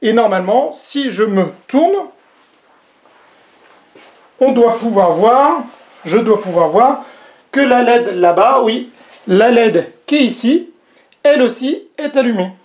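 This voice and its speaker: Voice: medium pitch, expressive, slow pace, long pauses, darkish tone. Chatty hesitant unboxing vlogger. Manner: chatty, addresses viewers directly, many hesitant fillers; self-mocking about own English accent. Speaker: host reviewing a product. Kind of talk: casual unboxing demo.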